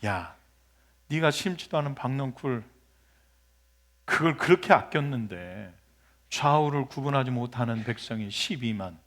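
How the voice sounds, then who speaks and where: A calm, stern God speaks low and measured, as a preacher acts him out. He reproves without shouting. The voice is unhurried and patient.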